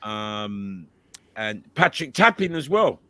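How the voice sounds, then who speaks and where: A man co-hosting a football chat, cheeky and full of banter, shouting out viewers. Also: fairly low pitch, very animated, slow. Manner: cheeky, bantering, reads out comments. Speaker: co-host.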